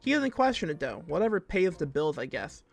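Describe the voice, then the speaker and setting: A man's voice: on the high side, big pitch swings, brisk, gravelly, soft background music. Joking man reading aloud on stream. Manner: joking asides and frequent laughter.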